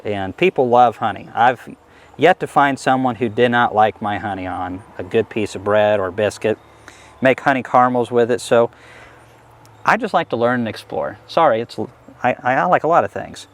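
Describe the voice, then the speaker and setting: A man's voice: medium pitch, normal speed. A man being interviewed as a beekeeper, chatting easily and enthusiastically while he works a hive outdoors. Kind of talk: casual interview answers while working a hive. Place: outdoors at a beehive.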